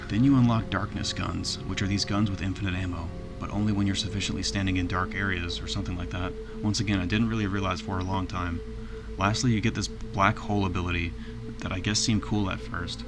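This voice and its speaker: A man with a low voice narrates a game review. His delivery is informal and plainspoken, with music clearly playing underneath.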